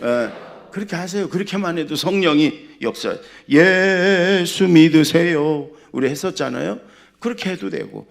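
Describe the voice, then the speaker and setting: A male pastor preaching a sermon, swinging between loud exhortation and quiet storytelling. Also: fairly high pitch, sing-song, brisk, vocal fry. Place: church sanctuary.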